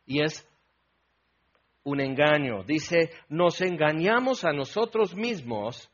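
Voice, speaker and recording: Male preacher, high voice, conversational sermon, acts out quoted voices, dull lo-fi recording. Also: animated, takes it slowly, fairly bright tone. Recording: dull lo-fi sound.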